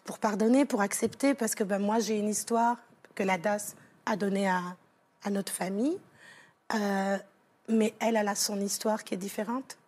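A woman's voice: mid-range voice, steady tone, moderate pace, darkish tone. A woman from France, a talk show guest, telling an emotional personal story, rambling with fillers and restarts. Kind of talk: studio interview, personal story. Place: TV studio set.

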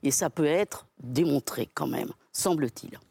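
A woman's voice: low-pitched, a little slow, gravelly, warm tone, slightly rough, no echo. A woman guest in a studio debate, speaking emphatically and thinking aloud with frequent restarts. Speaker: guest commentator.

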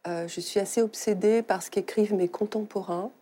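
Middle-aged woman, novelist guest; mellow, unhurried, searching for words. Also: mid-range voice, fairly even intonation, slightly rough. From Algeria. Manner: thoughtful, halting with many fillers. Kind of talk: studio talk show conversation.

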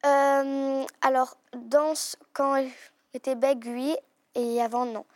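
A young girl with a fairly high voice, speaking in halting phrases with frequent restarts. She is a guest describing her own experience. The sound is close and dry. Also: little pitch movement, darkish tone, no echo. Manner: hesitant, with many restarts. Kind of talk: casual chat.

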